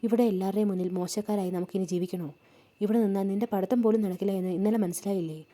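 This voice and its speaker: A woman's voice: medium pitch, fairly even intonation, quick pace, dark tone, close to an everyday voice. A woman voicing a worried young seamstress who pleads and frets. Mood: resigned. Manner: pleading, anxious questions.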